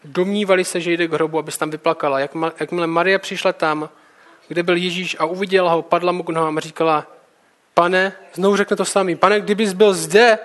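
High-voiced man preaching. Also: fairly even intonation, a bit bright. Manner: reads scripture, then comments casually. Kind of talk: sermon with Bible reading.

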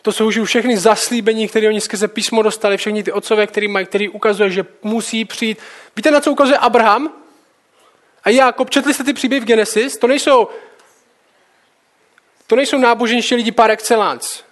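A man's voice: high-pitched, steady tone, fairly bright tone. A man preaching a sermon, reading Bible verses aloud and breaking off into casual, colloquial commentary. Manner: reads scripture, then comments casually.

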